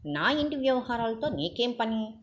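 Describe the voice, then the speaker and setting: A woman voicing a stern, scornful middle-aged male lawyer who shouts in anger, on a muffled recording. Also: medium pitch, fairly quick, a little hiss or hum, close to an everyday voice. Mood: furious.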